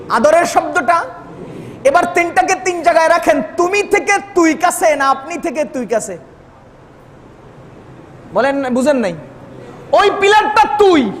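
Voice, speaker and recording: A man's voice: extremely high pitch, fairly bright tone, long reverb tail, a little hiss or hum. A man preaching a sermon, often putting questions to the crowd and acting out quoted exchanges. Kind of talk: Bengali waz sermon.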